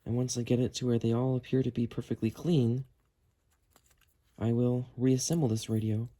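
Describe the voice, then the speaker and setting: A man with a mid-range, dark voice hosts a how-to cleaning video, narrating at a moderate pace in a flat delivery. He explains each step casually while working with his hands.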